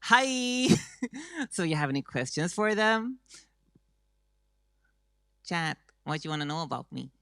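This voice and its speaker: A performer playing a grand diva persona, reciting spoken-word poetry in a dramatic, declamatory way with drawn-out lines, recorded in their own room. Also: medium pitch, sing-song, bright, forceful tone, smooth, no echo, studio quality, full character voice. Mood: playful. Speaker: slam poetry contestant.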